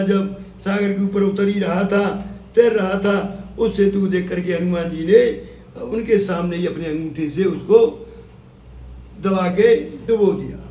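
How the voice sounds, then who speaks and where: A man telling a devotional tale from an ashram, with slow sung chants between narration. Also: high-pitched, darkish tone. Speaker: devotional storyteller. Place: ashram hut. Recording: echoey room, mic far off, faint hum.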